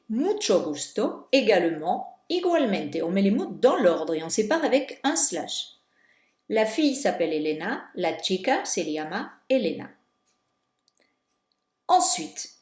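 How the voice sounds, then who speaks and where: Lively woman teacher in an echoey room. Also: medium pitch. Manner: explains step by step, slows on key words. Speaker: Spanish teacher. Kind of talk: correcting homework for students.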